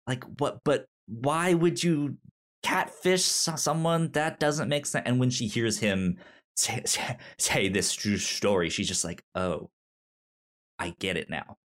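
A man co-hosting a podcast chats casually about film, stammering often, repeating syllables and searching for words. His voice is medium in pitch, a bit bright, and a little slow.

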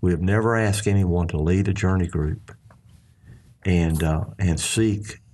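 In an easygoing conversation on faith, this man, a ministry leader with a Southern US accent, speaks earnestly and folksily while often restarting sentences. His voice is deep and a little mellow, delivered at a measured pace.

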